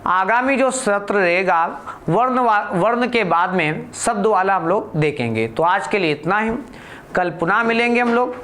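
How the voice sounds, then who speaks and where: A man teaching a grammar lesson for exam students in a slow, deliberate way, putting questions to the class and answering them himself. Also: high-pitched, animated, fairly bright tone.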